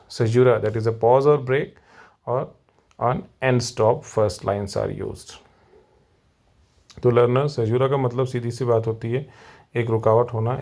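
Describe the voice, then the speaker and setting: Indian man lecturing, slow and repetitive. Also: mid-range voice, gravelly, a little mellow. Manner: explains, then repeats in Hindi, addresses learners. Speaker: teacher. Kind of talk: exam-prep lecture, mixing English and Hindi.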